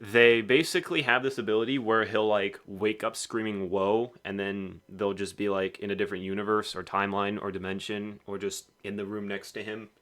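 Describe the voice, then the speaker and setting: A man's voice: fairly low pitch, steady tone, brisk, hardly any pauses, fairly bright tone. A man casually narrating a game devlog in a rambling, offhand way. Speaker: game developer.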